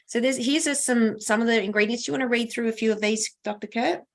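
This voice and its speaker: A woman presenting skincare information in a steady, explanatory way with some fillers. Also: a little high, fast talker.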